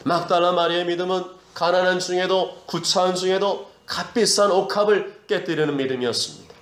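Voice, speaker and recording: A man's voice: sits high, fairly even intonation, brisk, a bit bright, roomy sound. A man preaching an expository sermon as pastor, emphatic, repeating his exhortations and mimicking grumbling believers.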